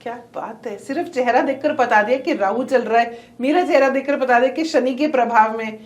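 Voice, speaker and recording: A woman interviewer with a somewhat high voice asks eager, curious questions. She keeps affirming her guest as he speaks, and her voice carries a roomy echo. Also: a little fast. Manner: inquisitive, with frequent affirming backchannels. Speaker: interviewer host.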